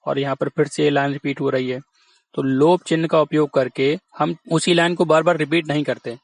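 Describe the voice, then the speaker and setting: A man's voice: fairly high pitch, dry recording. A man teaching an exam-prep lesson, patiently explaining and answering his own questions.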